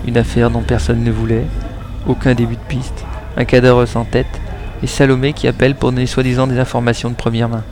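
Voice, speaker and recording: A man narrating a noir detective audiobook in a steady, measured way. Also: medium pitch. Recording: reading with music behind. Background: background music.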